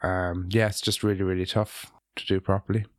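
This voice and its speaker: A man with a lowish voice chats casually on a tech podcast, explaining things haltingly, full of ums, false starts and repeated words. The sound is dry and close, with no room around it. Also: level tone, no echo. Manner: hesitant, many ums and restarts. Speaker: podcast co-host, app developer.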